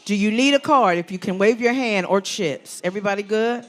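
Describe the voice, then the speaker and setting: A man's voice: sits high, a little fast, faint music behind. A man hosting a community event, hyping up the crowd with call-and-response on a handheld mic. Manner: energetic, call-and-response with the audience. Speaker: event host.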